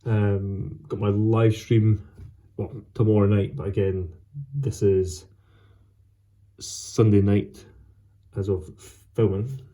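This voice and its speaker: A man chatting casually as a solo vlog host, with an unhurried, rambling and halting delivery. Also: on the low side, steady tone, mellow. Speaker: host of a pipe tobacco vlog. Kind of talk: casual solo chat to camera.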